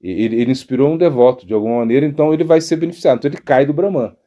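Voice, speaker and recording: A man's voice: medium pitch, racing. A man, a monk giving a spiritual talk, telling a story with many restarts and tag questions. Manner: animated storyteller, frequent "né?" and restarts. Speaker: monk teaching devotional philosophy.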